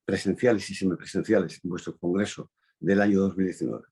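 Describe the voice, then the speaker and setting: A man from Spain hosting an interview, speaking emphatically with drawn-out phrases and falling endings. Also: low voice, fairly even intonation, mellow, husky. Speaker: host.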